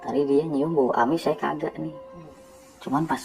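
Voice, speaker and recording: A man's voice: a little high, gravelly, soft background music, poor audio. Man. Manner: animated, quick asides to the listener. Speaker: truck driver guest. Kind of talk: casual storytelling.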